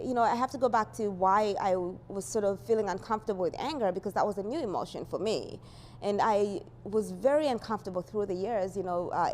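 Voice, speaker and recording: Speaking at a medium pitch with a darkish tone, this woman born in Uganda chats casually about her artwork against slight background noise. Her talk wanders, sprinkled with "you know" and easy laughter.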